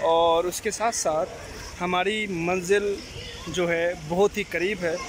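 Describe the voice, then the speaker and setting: High-voiced young man filming a selfie travel vlog. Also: steady tone, slow pace. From Pakistan. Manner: chatty, promotional, addresses viewers directly. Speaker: travel vlogger and tour organizer. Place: outdoors by a road and on a hill trail. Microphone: phone at arm's length. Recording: noisy outdoor phone recording.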